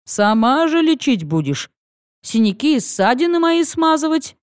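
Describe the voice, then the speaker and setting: A woman's voice: sits high, sing-song, unhurried, no room sound, studio quality, pitched above the performer's own voice. A woman reading a cheeky young dragon. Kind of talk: audiobook reading.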